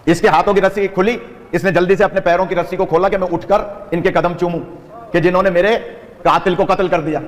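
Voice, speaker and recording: A man's voice: high voice, steady tone. A man preaching at a religious gathering, telling a story with animation, chanting devotional phrases and urging listeners to stay awake. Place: large gathering hall with audience. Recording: long hall reverb.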